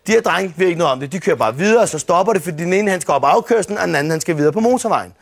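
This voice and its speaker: A man doing stand-up storytelling on stage, animated and swearing freely as he acts out scenes with shouts and sound effects. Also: high voice, creaky. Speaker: stand-up comedian. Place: stage before a live audience. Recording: TV broadcast with audience noise. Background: audience laughter.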